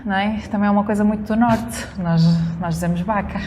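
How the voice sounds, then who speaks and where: A woman in her thirties from Valongo in northern Portugal, a dentist appearing as a guest, chats casually and laughs often in her northern Portuguese accent. She talks fast at medium pitch with fairly even intonation. The recording has long reverb and faint noise.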